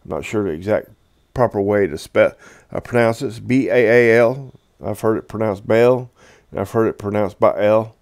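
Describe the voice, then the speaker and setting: A man teaching from the Bible in a conversational, halting way, reading long passages aloud and explaining them with fillers and restarts. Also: fairly low pitch, a little mellow, dry recording, studio quality.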